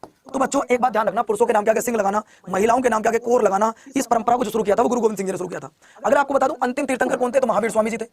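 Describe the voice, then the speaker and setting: This man's voice is strikingly high and carries a certain flavor as he runs a live online exam class at great speed. He repeats every question several times and keeps urging students to answer fast.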